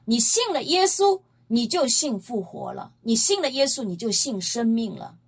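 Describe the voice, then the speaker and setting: A woman's voice: a little high, moderate pace, slightly rough. A woman preaching a Bible-teaching sermon, retelling scripture emphatically and posing rhetorical questions to her listeners. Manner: emphatic, lively storytelling.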